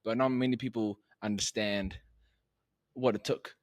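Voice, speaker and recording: A man's voice: lowish voice, steady tone, measured pace. A man hosting a casual podcast interview, upbeat and enthusiastic, with lots of fillers and laughter. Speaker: podcast host.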